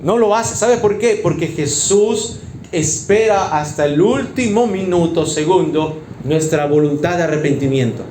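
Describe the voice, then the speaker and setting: A man's voice: fairly high pitch, a little slow, darkish tone, reverberant, slight background noise. A man preaching a sermon as pastor, emphatic and rhetorical, with joking asides.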